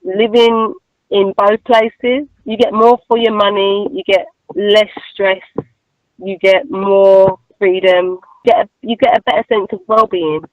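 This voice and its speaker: An East London woman with a Cockney accent chats casually as a guest in a radio interview, emphatic and prone to repeating herself. Her voice is mid-range, steady and unhurried. The recording is dry and dull.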